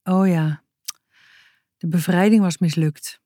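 A woman narrating a children's storybook in a clear, even reading voice. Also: fairly low pitch, slow, no echo, studio quality.

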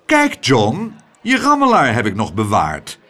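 A man reading an audiobook aloud, voicing an excitable, doting rich American lady in a shrill, high voice. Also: measured pace, heavily acted. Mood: gushing. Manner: high-pitched, shrill, gushing.

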